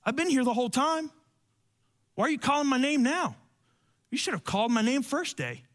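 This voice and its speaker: God, as a preacher puts him on, gently chiding. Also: male voice, very high voice, big pitch swings, a little fast, voice pushed up, full character voice. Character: God, patient and gently reproachful.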